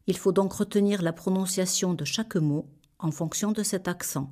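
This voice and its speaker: A woman reading a scripted language lesson in a measured, clearly articulated way. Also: lowish voice, darkish tone. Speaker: language teacher. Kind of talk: scripted instructional narration.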